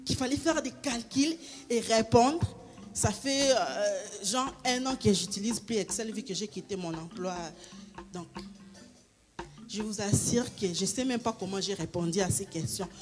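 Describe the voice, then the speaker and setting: A woman's voice: mid-range voice, measured pace, music in the background. Hesitant woman giving a church testimony. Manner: hesitant, repeats words and restarts often; acts out dialogue with a raised voice. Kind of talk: spoken personal testimony.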